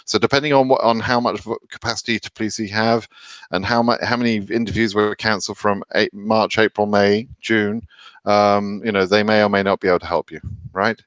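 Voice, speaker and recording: A British man runs a live Q&A stream on immigration advice, reading viewer questions from the chat aloud and answering them casually and frankly, with lots of ums and restarts. His voice is lowish and fairly bright, with fairly even intonation and a slightly fast pace, and there's no room sound.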